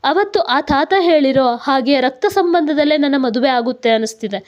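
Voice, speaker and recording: A woman narrates a romantic story in a high, clear-pitched voice, carrying every character's lines with only light changes between them. The recording sounds a little dull and lo-fi. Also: animated, normal speed. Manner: reads all characters' lines herself with small voice changes. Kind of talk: storybook narration with acted dialogue.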